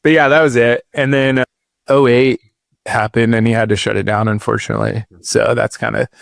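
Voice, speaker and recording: A creaky, mid-range voice with a level tone comes through a little fast in studio-quality audio with no room sound. The speaker, a man in his thirties, is a podcast guest rambling easily through his life story, peppering it with "dude" and "like."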